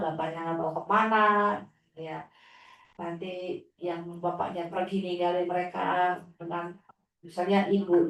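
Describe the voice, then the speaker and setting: A woman religious teacher sharing stories about her students, acting out a child's whiny replies. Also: mid-range voice. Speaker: Islamic teacher. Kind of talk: inspirational sharing talk. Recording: echoey room, distant mic.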